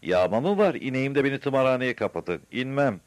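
A man voicing a ranting madman on a rooftop in an audiobook, shouting defiant demands. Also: mid-range voice, sing-song, fairly quick, no echo, pitched above the performer's own voice, close to an everyday voice. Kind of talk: audiobook character voice.

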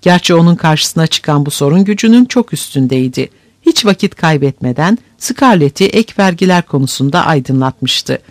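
High, lively male audiobook narrator. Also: moderate pace, no echo.

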